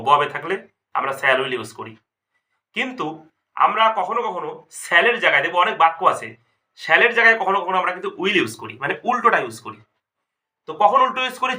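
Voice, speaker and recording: Male teacher, high-pitched and brisk, walks students through grammar step by step. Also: bright, forceful tone. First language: Bengali. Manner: explains step by step, asks students questions. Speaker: English teacher. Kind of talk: spoken grammar lesson.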